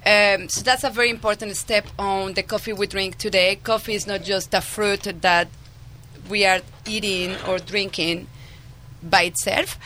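Colombian woman, non-native English, bright clear tone, patient explainer with ums, radio interview guest. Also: medium pitch. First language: Spanish. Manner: explanatory, many fillers and "um"s. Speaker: winemaker guest.

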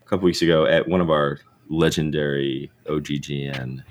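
A man hosting a podcast remotely, a bit under the weather with a rough morning voice, rambling and correcting himself as he chats. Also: a bass voice, steady tone, moderate pace, heavy background noise. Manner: rambling, self-correcting, laughs often. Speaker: podcast host. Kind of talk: casual interview chat. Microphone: remote call setup.

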